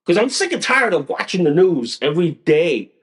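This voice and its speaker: A man's voice: high voice, sing-song, normal speed. A man hosting a solo podcast, ranting angrily with profanity and frequent stumbling restarts. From United States. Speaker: podcast host. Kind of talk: solo political rant.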